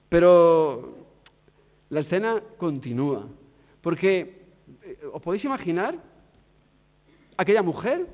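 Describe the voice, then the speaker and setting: A man with an accent from Spain preaching a sermon in a church hall, swinging between loud emphasis and hushed, drawn-out words. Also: sits high. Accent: Spain Spanish. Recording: tinny phone-like sound with long hall reverb.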